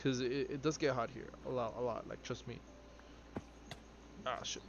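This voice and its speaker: A man's voice: mid-range voice, fairly even intonation, moderate pace. A twenty-two-year-old man chatting casually on a live game stream, rambling with lots of fillers as he answers viewers. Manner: rambling, filler-heavy, answers chat offhand. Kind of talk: casual live-stream chat while playing. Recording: slightly dull audio with clear background noise.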